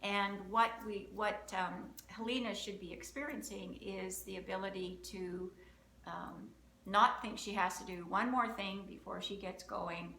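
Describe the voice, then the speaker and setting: A woman with a mid-range, creaky voice that sounds pushed and bright hosts a live energy-healing demonstration as an emotion code practitioner. Her intonation is fairly even and her pace measured as she talks through the steps and counts off options in a chatty, upbeat way. The recording is roomy, with slight background noise.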